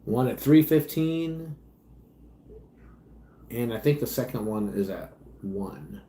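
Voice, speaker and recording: Slow but lively in intonation, a medium-pitched streamer who drives deliveries reads comments on his livestream. The echoey room and a little hiss or hum surround his rambling, chatty talk, which tends to trail off quietly.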